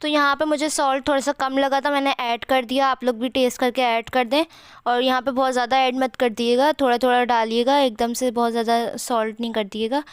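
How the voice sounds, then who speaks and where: Young woman vlogger with a sore throat, smooth, steady voice. Chatty, rambling voice-over, dry close mic. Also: high voice, brisk, no room sound. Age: young adult. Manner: chatty, rambling, many fillers. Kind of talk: home cooking vlog voice-over.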